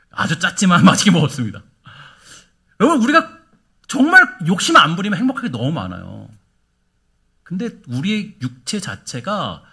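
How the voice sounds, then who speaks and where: A middle-aged male pastor delivering a sermon in a church. His voice sits high and bright, and it rises and falls in wide, lively swings. He drives his points home with repeated words and questions to the congregation. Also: slightly rough. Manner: animated preaching with rhetorical questions and repetition. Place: church sanctuary.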